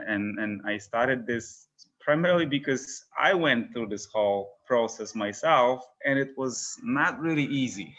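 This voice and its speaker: Bright-voiced man from Poland. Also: mid-range voice, lo-fi sound. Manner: hesitant, many fillers and restarts. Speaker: guest, education company founder. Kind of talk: casual interview talk.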